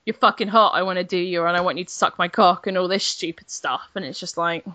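A young woman in her twenties, a games journalist chatting as a podcast guest, blunt and animated, swearing freely. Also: lowish voice, quick pace, dry recording. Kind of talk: casual podcast chat.

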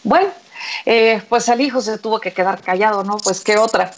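A woman's voice: medium pitch, normal speed, slight background noise. A woman, chatting and telling a story as a show co-host, with many fillers. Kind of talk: conversational storytelling.

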